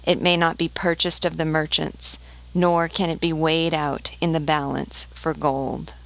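A woman reading the part of a devoted female nightingale from a storybook, slow and earnest. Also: sits low, little pitch movement, gravelly, no room sound, low-quality recording. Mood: tender.

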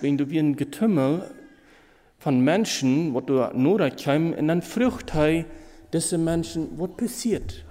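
Slow, reverberant Low preacher. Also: male voice, warm tone. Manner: halting, emotional, repeats phrases. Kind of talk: sermon.

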